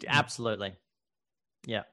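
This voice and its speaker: A man co-hosting a podcast, telling a war story in casual chat, animated and laughing often, with casual swearing. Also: fairly low pitch, moderate pace. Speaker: podcast co-host telling history stories.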